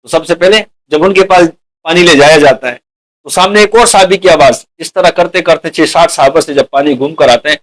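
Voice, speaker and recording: A man with a high-pitched voice delivers a sermon. He keeps putting rhetorical questions to his listeners and calls them dear companions. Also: low-quality recording. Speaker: preacher.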